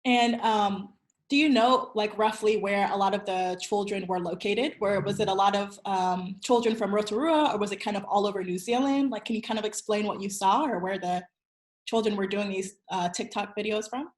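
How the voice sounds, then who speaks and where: A woman's voice: mid-range voice, moderate pace. An American woman in her twenties from Virginia, hosting an interview with earnest, upbeat introductions and questions. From Virginia, USA. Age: 20s. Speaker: host. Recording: roomy echo.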